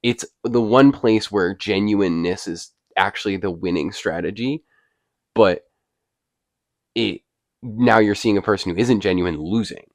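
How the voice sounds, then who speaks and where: Man, deep voice, co-host of a relaxed film chat; earnest and analytical, with long explanations. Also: measured pace, no echo. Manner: defends his view with analysis. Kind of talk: casual movie discussion.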